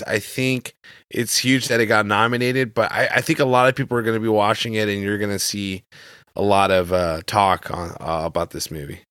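A man's voice: medium pitch, a bit bright, clear, resonant tone, no room sound, clean studio sound. A man co-hosting a casual film podcast, talking in a slangy, buddy-to-buddy way. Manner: slangy, calls his partner brother, dude and man. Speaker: podcast co-host.

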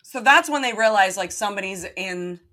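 A woman's voice: medium pitch, animated, a little fast, pushed and bright. A woman co-hosting a podcast, casually recapping a movie with lots of "like" and easy laughter. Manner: filler-heavy, lots of "like", laughs easily. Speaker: podcast co-host.

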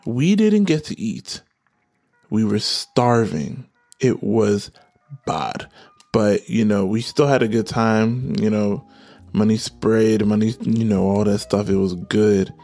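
A low-voiced man hosts a casual solo podcast over music. He takes his time, rambling playfully in loose slang. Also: steady tone, slow, darkish tone, no echo. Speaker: podcast host.

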